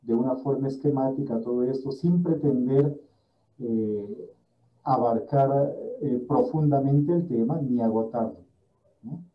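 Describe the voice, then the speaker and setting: A man of average pitch lectures in a careful, step-by-step way, pausing to give examples as he teaches a Bible study group. He sits some distance from the microphone in a roomy space. The sound is dull and muffled. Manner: measured, explains step by step with examples. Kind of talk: explanatory lecture.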